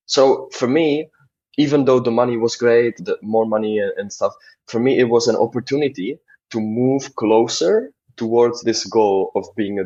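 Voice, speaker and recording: Husky young Czech man, lo-fi. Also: lowish voice, darkish tone. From Czech Republic. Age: 20s. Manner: earnest, rambling with restarts. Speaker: podcast guest. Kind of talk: casual interview talk.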